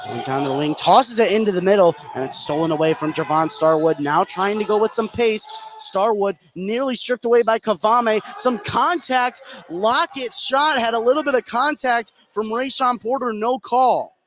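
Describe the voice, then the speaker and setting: Calling a basketball game live, a high-pitched male announcer keeps a moderate pace with few pauses. His play-by-play comes in short present-tense bursts that follow the action, over clearly audible gymnasium ambience.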